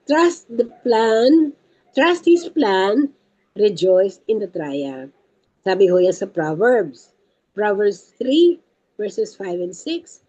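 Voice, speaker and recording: Speaking to a prayer group as brothers and sisters, a woman gives a forceful Taglish talk on faith and teaching, driving her main points home through repetition. Her mid-range voice has a warm tone, though the recording's highs are cut off.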